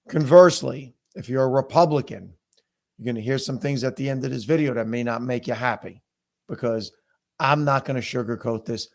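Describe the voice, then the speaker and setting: A man with a hoarse, sore-throated voice giving a blunt, emphatic opinion monologue to viewers as a political commentator. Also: mid-range voice, darkish tone.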